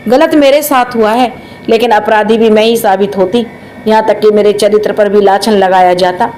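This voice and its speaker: A woman's voice: medium pitch, steady tone, moderate pace, darkish tone, a little hiss or hum, natural voice, rough recording. A woman voicing a grieving young married woman in a storybook tale, speaking in a tearful, sorrowful way.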